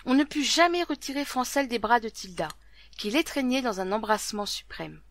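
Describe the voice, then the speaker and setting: A woman narrating an old legend as a scripted story, reading dramatically and dropping to a hush at tense moments. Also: on the high side, expressive, normal speed.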